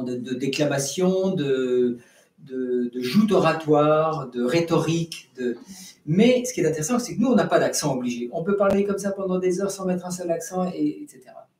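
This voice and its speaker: Priest, middle-aged man, dark mellow tone, fairly high voice, halting restarts, echoey room, distant mic. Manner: many restarts and fillers, sings out syllables as examples. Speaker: Orthodox priest giving catechesis. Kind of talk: spontaneous teaching talk. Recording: roomy sound from a distance.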